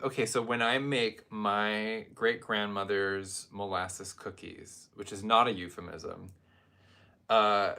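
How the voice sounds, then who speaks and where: Bright-voiced joking man reviewing perfumes. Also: lowish voice. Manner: wry, joking, rambling asides. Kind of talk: casual chat.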